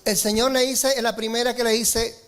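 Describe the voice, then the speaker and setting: A male pastor preaching a sermon, swinging between raised, emphatic lines and slow, low stresses, calling on the congregation to respond. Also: little pitch movement, a bit bright. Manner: preaching with rises in pitch and slowed emphatic lines, asking the congregation for amen.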